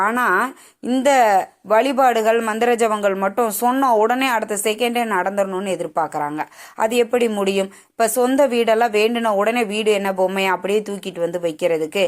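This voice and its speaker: An earnest woman talks viewers through devotional advice at a middle pitch. She speaks in a casual, persuasive way and keeps turning to the listener with rhetorical questions. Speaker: devotional tips presenter. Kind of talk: informal spiritual advice talk.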